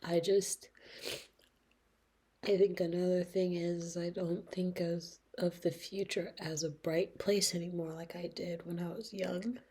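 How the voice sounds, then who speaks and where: A woman in her late twenties talking slowly and reflectively in a personal video diary, hesitant, her husky voice often sinking to a whisper. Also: lowish voice, steady tone. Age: 20s. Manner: slow, reflective, hesitant, with soft laughs. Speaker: vlogger.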